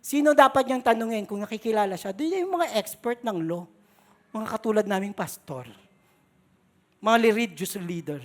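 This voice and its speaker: A woman's voice: mid-range voice, expressive, normal speed. A woman pastor with a Filipino accent preaching a sermon dramatically in a mix of Tagalog and English.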